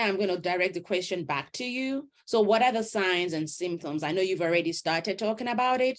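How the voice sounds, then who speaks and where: A middle-aged woman hosting a casual chat, speaking gently and without hurry. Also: lowish voice. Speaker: host.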